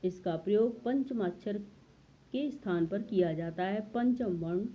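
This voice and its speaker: A woman teaching a grammar lesson, explaining slowly and drawing out the example sounds. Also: medium pitch. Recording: slightly dull lo-fi recording.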